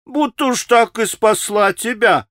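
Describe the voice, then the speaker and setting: A man's voice: a little high, sing-song, measured pace, fairly bright tone, no room sound, studio quality, voice pushed up. A man doing a sneering, spiteful young man. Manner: taunting, sarcastic.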